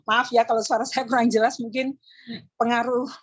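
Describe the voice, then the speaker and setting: An Indonesian woman with an East Javanese accent teaches an online public-speaking class for women, walking through numbered tips and calling them ladies. Her husky, fairly high voice is brisk and level in tone, her throat tired and strained, with no room sound.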